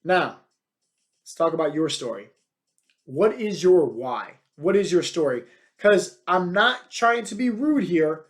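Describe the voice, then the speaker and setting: Here a fitness coach in his thirties hosts his podcast, his voice fairly high and his pace a little slow. The motivational monologue is blunt and energetic, crowded with fillers such as "like" and "right?".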